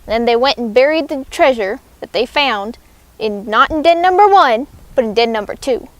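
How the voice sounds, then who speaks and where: A young woman voicing Huckleberry Finn, a rough, swaggering village boy with folksy grammar, in a school character play. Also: fairly high pitch, expressive, moderate pace, no room sound, close to an everyday voice.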